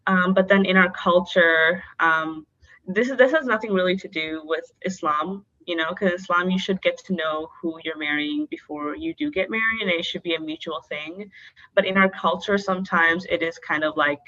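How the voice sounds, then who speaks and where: On lo-fi sound, a young woman guesting on a podcast gives candid answers, open and full of fillers like "um" and "like." Born in Bangladesh and from North Dakota, she speaks at a moderate pace in a lowish voice with a sharp tone.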